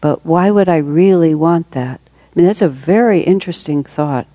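A woman's voice: on the low side, normal speed, warm tone, dry recording, lo-fi sound. A woman giving a reflective, conversational spiritual talk to a group, taking questions as she goes. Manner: reflective and conversational, with light laughs. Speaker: spiritual teacher.

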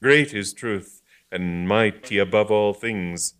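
A man's voice: on the low side, slow, fairly bright tone. A man voicing a brash, swaggering young curate who stretches out his boasts. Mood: cocky. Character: cocky young male curate, breezy and brash.

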